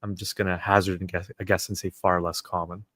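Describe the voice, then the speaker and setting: A man from Dubai, a guest on a casual livestream chat, talking in a relaxed, hesitant way with many fillers. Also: deep voice, brisk, dry recording.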